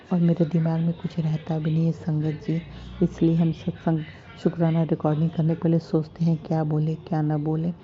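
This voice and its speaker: A middle-aged woman offers a soft, pleading devotional prayer, apologizing again and again. Her voice sits low and barely moves in pitch, almost a monotone. The recording is dull and lo-fi, like a simple phone clip made at home. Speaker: devotee sharing a prayer of thanks.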